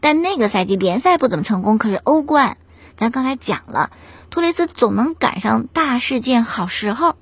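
Breathy higher-voiced woman telling stories. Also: normal speed, no echo. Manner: chatty, animated storytelling with rhetorical questions. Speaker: host. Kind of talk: casual storytelling commentary on football.

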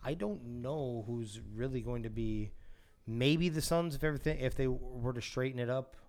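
Podcast co-host, man, mid pitch, excitable and insistent. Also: normal speed. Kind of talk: casual sports chat.

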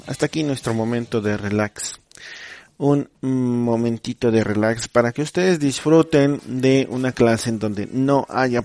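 A Mexican man hosts a relaxed joke-telling podcast for his students. His voice sits at an ordinary middle pitch, and his delivery is playful and loose, full of slang and little chuckles. Faint music plays underneath him. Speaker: teacher and podcast host.

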